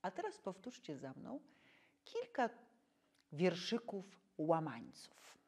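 A woman actress leading diction and voice warm-up exercises, speaking slowly and articulating every syllable with care. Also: on the low side, huge pitch swings. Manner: slow, clearly articulated instructions, loud drilled syllables.

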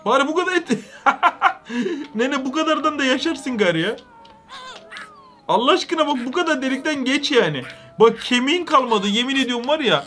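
A young man giving comedic, excitable game commentary with loud exclamations. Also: very high voice, normal speed. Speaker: gaming YouTuber.

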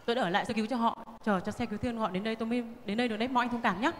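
A woman's voice: on the high side, rapid-fire, slight background noise, lightly acted. A woman playing a composed, authoritative senior doctor in an amateur stage drama. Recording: reverberant hall, faint music.

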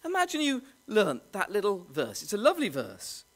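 A male preacher gives an all-age sermon in church, his pitch leaping high and low in wide swoops. He tells the story with lively gestures in his voice and keeps turning to the children with questions. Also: normal speed.

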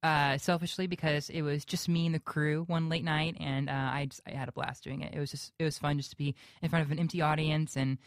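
A young man with a high-pitched voice answers questions as a radio guest. He talks haltingly, with lots of fillers and restarts. The sound is close and dry. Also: little pitch movement, no echo. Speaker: guest actor. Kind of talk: radio interview.

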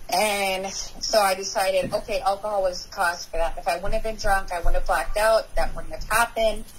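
A woman's voice: mid-range voice, fairly even intonation, normal speed, soft background music, poor audio. A woman in her forties from North Dakota, a guest candidly telling her personal recovery story in a conversational way. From North Dakota, USA.

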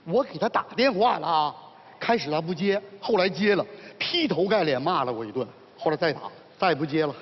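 A man's voice: fairly high pitch, lively intonation. A man playing a timid, hapless husband who whines and frets, in a stage comedy sketch. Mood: complaining. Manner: whiny, fretful, fast comic complaints. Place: theater stage with live audience. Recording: dull audio, reverberant hall.

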